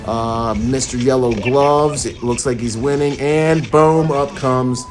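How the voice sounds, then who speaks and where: A man's voice: mid-range voice, fairly even intonation, takes it slowly, music in the background. A man giving casual, slangy video commentary and analysis as a protection professional, repeating points for emphasis. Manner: slangy, informal, emphatic repetition.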